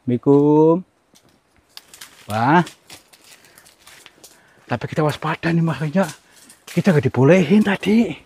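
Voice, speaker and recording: Husky man exploring a forest. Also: on the high side, animated, measured pace, pauses often, a little mellow. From Central Java, Indonesia. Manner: coaxing, repeats soothing words. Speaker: ghost-hunting vlogger. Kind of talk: hushed on-location exploration commentary. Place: outdoors in a forest.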